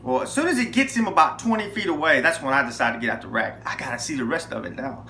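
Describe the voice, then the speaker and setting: A male testimony speaker with a fairly high voice tells his personal story quickly and emphatically, acting out quotes with lively storytelling. Slight background noise accompanies him in an echoey room with faint ambience.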